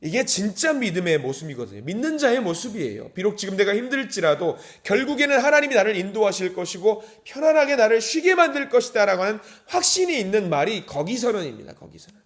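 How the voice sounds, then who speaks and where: A high-voiced man preaches an early-morning sermon in a church. He drops to hushed, slow phrases, then rises to impassioned calls. The pitch sits well above most men's. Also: big pitch swings. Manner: impassioned, swings from hushed to crying out. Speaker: pastor. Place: church sanctuary.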